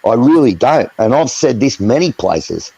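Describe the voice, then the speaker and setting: A man's voice: medium pitch, big pitch swings, normal speed, vocal fry, warm tone, breathy edge, dull audio. Angry Australian man ranting. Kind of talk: heated live chat.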